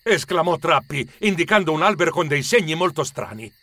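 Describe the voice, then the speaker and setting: A man reads a children's adventure story aloud with expressive storytelling. His voice is a little high and moves a lot. The recording is close and dry. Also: brisk, no room sound. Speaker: narrator. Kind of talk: scripted narration of a children's story.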